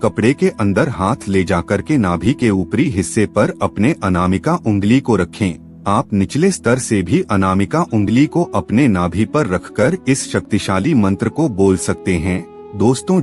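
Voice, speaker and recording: A man's voice: on the low side, a little mellow. A man giving scripted devotional voice-over, earnestly instructing listeners and calling them friends. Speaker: spiritual channel narrator.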